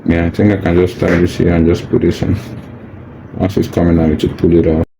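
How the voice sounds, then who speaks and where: In a low, level voice that's warm and a little fast, a product demonstrator patiently walks viewers through a hands-on unboxing, casual and reassuring, repeating his steps as he goes. The audio is poor, with faint background noise.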